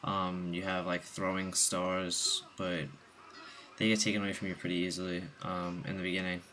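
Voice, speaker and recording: Deep, flat-voiced young man reviewing a game. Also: moderate pace, slight background noise. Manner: rambling, many ums and restarts, hiccups. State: hiccups. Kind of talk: casual unscripted game review voice-over.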